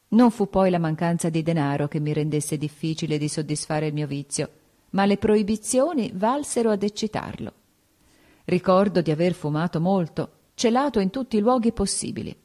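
Woman narrator, measured literary audiobook read, low and mellow. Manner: measured, unhurried storytelling.

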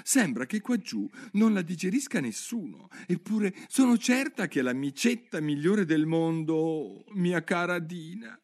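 A man's voice: on the high side, very animated, moderate pace, hardly any pauses, fairly bright tone, pitched above the performer's own voice. A man voicing a polite, precise little girl in a storybook reading. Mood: wistful. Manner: earnest, precise.

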